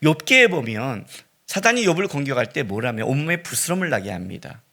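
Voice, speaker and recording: A middle-aged man preaching a sermon as pastor, swinging between loud cries and hushed, near-whispered lines. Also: medium pitch, very animated, fairly quick. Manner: dramatic preaching with sudden loud rises and hushed drops.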